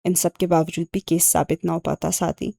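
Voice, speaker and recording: A sardonic young man, read by a woman narrator explains himself in a dry, sarcastic way. His low voice sounds warm and mellow in a dry, close recording. It comes from a spoken audiobook. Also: little pitch movement, gravelly, no room sound. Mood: wry. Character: sharp, sardonic young man, ex-agent uncle.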